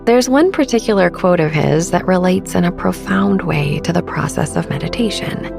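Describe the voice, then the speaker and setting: With a fairly low pitch and music in the background, a thirtysomething woman hosts a podcast sleep meditation. Her delivery stays gentle, breathy, calm and slow.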